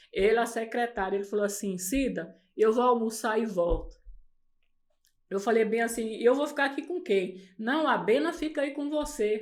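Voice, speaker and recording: A woman's voice: medium pitch, darkish tone. A middle-aged woman, a podcast guest telling her own faith story with earnest feeling and acting out the dialogue. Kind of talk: personal faith testimony in conversation.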